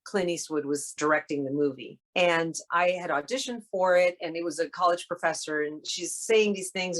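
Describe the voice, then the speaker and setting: A woman guest on an interview show, telling a story in a lively way and acting out the lines of the people in it. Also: fairly low pitch. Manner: animated, acts out quoted dialogue. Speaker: guest actress.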